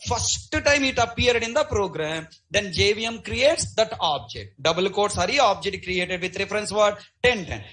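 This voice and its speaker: Animated high-voiced teacher. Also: male voice, moderate pace, hardly any pauses, rough recording. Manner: animated, questioning students constantly. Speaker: programming teacher. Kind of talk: live classroom lecture.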